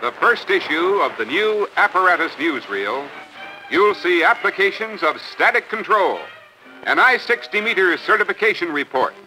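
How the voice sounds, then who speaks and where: A man's voice: high voice, sharp tone, low-quality recording. A man hosting and announcing a 1950s company newsreel with polished, eager announcer delivery.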